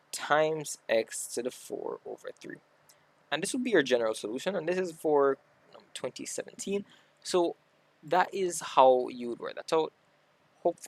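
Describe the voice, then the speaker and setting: Gravelly male maths tutor, self-correcting. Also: medium pitch, no room sound. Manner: talks through steps aloud, self-correcting. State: hiccuping. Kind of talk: casual worked-example lesson.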